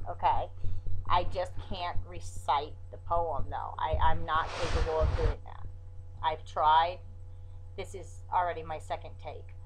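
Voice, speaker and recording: A woman's voice: on the low side, fairly bright tone. A woman with a scratchy voice, reciting her own poems and singing them, between hesitant, self-deprecating remarks full of fillers. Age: adult, has a grown daughter. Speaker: amateur poet and singer.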